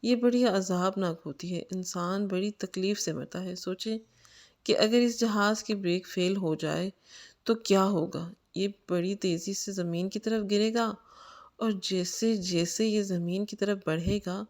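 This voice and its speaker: A woman storyteller plays a young man who teases a frightened seatmate. He mocks her gently and dwells on grisly details with relish. The voice stays close to an ordinary middle register. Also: medium pitch, close to an everyday voice. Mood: mocking. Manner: mocking, telling frightening tales with relish. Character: teasing young man seated beside her on a plane. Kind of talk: storytelling in Urdu.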